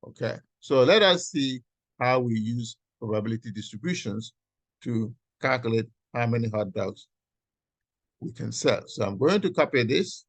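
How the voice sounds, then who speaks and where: A man teaching an online class as a professor, explaining step by step in a halting, deliberate way and often checking in with "okay". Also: mid-range voice, expressive, no echo. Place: video call with screen sharing.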